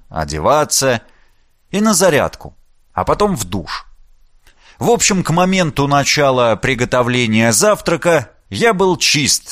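Male audiobook narrator, theatrical and expressive, recorded dry and close. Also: medium pitch, dry recording. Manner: animated, theatrical reading.

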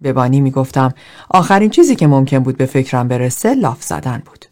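A detached, aloof man, as a woman reads him, with a low voice that stays flat and unemotional. He answers coolly, as though nothing touches him, in a quiet audiobook reading.

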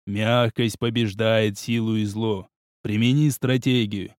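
A man voicing an unseen, deep-voiced male spirit who calmly advises the hero. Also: no room sound, studio quality, close to an everyday voice. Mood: calm, instructive. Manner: slow, calm, instructive.

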